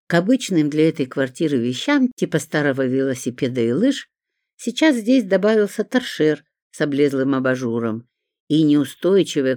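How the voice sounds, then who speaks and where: A woman narrating a first-person audiobook in a wry, lively telling. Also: extremely low pitch, no room sound, studio quality.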